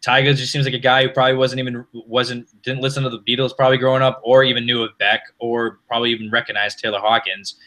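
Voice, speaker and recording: A young man co-hosts a casual podcast, his voice bright and forward. He talks in a lively, rambling way, often restarting his sentences as he goes. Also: medium pitch, fast, hardly any pauses. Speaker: podcast co-host. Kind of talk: casual chat.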